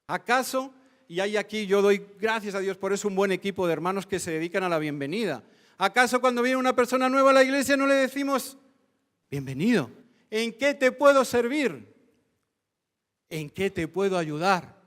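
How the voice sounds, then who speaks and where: A man's voice: high voice, animated, normal speed, a bit bright. A man from Spain preaching a sermon as pastor, fervent, with rising emphatic lists. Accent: Spain Spanish. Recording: church hall reverb.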